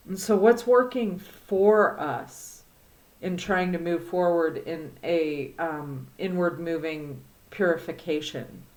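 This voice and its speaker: A woman with a Midwestern accent talks through a divination reading at a slow, leisurely pace. Her voice sits on the lower side, and she muses aloud with frequent pauses and fillers. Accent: Midwestern American. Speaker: tarot reader.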